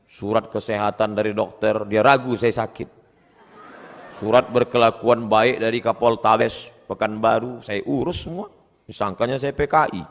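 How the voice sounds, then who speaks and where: A man's voice: fairly low pitch, fairly even intonation, normal speed. A man in his forties preaching a humorous question-and-answer sermon, storytelling and acting out quoted exchanges. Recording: long hall reverb.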